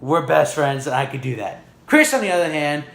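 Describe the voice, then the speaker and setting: A man's voice: fairly high pitch, lively intonation, brisk, creaky, fairly bright tone, roomy sound. A man vlogging in a casual, rambling monologue, full of "you know" and "like".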